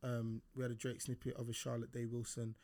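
A man's voice: medium pitch, monotone, fast, a little mellow. A man with an urban London roadman accent, chatting casually and teasing in street slang as a co-host. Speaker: co-host of a chat show. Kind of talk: casual banter.

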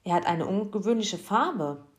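Woman reading as a brisk, firm storybook mother. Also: mid-range voice, natural voice. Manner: firm, energetic.

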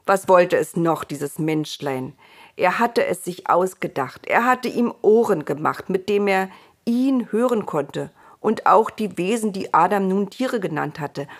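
A woman reads a storybook aloud, calm and unhurried. Her voice sits a little low and she takes her time with every sentence. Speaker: narrator. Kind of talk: storybook reading.

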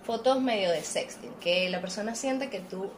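Casting: woman, Venezuelan Caribbean Spanish accent, mid-pitched, informal and slangy storyteller in casual conversation, slight background noise. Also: moderate pace. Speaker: podcast guest, actress and model. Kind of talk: casual chat, telling own story.

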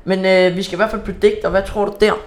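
A man's voice: sits high, fairly even intonation. A man hosting a casual football prediction chat. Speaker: host of a football prediction talk.

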